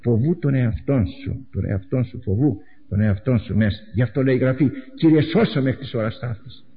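A man preaching a sermon with a dramatic delivery, repeating phrases and swinging between loud outbursts and hushed asides. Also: medium pitch. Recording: echoey hall, dull lo-fi recording.

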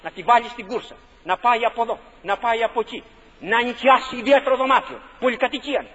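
A man's voice: extremely high pitch, pushed and bright. A man preaching a fervent sermon, repeating his phrases for emphasis and asking rhetorical questions. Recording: dull lo-fi recording with long hall reverb.

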